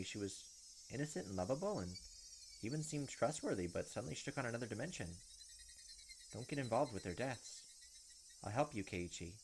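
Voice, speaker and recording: Sitting at his computer on webcam in an indoor room, a let's-player in his thirties reads visual novel text aloud and adds his own comments. His voice is mid-range, with a little hiss or hum on the recording, and game music and insect chirps play behind him.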